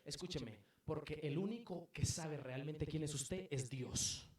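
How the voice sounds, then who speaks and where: A Colombian man preaching a sermon as pastor, emphatic, asking rhetorical questions and swinging between loud and soft. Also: a little high, a little slow. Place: church hall. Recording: very echoey room, mic at a distance.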